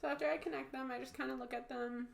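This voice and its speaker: A woman's voice: sits high, steady tone, fast, vocal fry. A woman with a blocked-nose sound talking in an informal, rambling, candid way, as in a casual makeup tutorial. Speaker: makeup vlogger. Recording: roomy echo.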